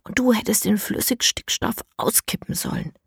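A woman voicing scheming children in a hushed, hissing whisper, whispered role-play in a storybook. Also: medium pitch, animated, moderate pace, vocal fry, slightly rough, no room sound, clean studio sound, voice pushed up, heavily acted.

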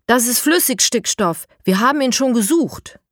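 A woman voicing a knowledgeable girl who calmly explains things, in a storybook reading. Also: a little high, moderate pace, no room sound, clean studio sound, pitched above the performer's own voice. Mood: explaining. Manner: explaining, cautionary.

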